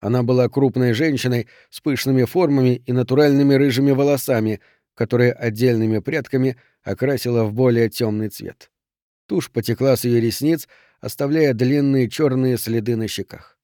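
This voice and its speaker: A man narrating an audiobook in an even, measured way. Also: mid-range voice, no echo, clean studio sound.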